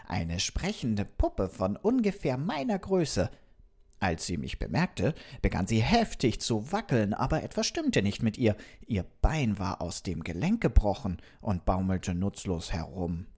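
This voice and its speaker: A man's voice: lowish voice, a little slow, exaggerated voice. A man voicing a friendly, curious robot from another planet, telling a children's story and asking the kids questions. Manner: lively, talks directly to the kids with questions.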